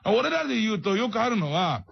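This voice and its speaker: A fast-talking man rambles through a comic story on late-night radio, his gravelly voice swinging wildly up and down. He keeps breaking into shouted put-on voices for the people and animals he describes. The sound is a dull, muffled mono radio broadcast. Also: sits high, very animated.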